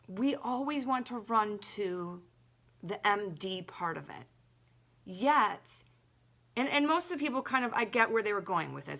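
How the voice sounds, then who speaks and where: A young woman working as a holistic health coach talks straight to her listeners in a loose, chatty way, leaning hard on her points. Her voice is bright and forceful, with a middle pitch, and she scatters "like" through her sentences. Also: creaky. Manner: chatty and emphatic, lots of "like". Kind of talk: casual direct-to-camera talk.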